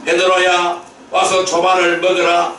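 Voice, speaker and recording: A man pastor quoting a gentle, forgiving Lord calling a failed disciple, in a tender, slow, inviting voice, recorded in a church sanctuary. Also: high-pitched, monotone, slight background noise, voice pushed down. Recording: very echoey hall, mic at a distance.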